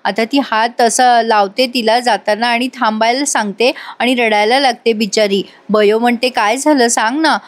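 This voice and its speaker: A woman's voice: a little high, steady tone, moderate pace, few pauses. A woman narrating a voice-over recap of a TV serial episode. She reads the characters' lines in her own voice and speaks directly to viewers.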